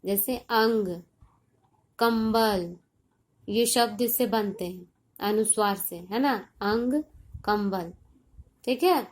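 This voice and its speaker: A woman teaching a primary school class in a recorded online lesson, explaining slowly and deliberately and often checking that the children understand. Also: mid-range voice. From India.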